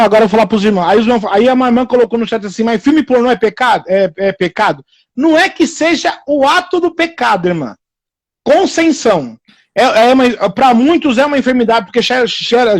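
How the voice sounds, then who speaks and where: Preacher guy on a live stream, really high voice, dry close sound, keeps repeating himself. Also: dry recording. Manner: repetitive, animated, acts out quoted people in raised voices.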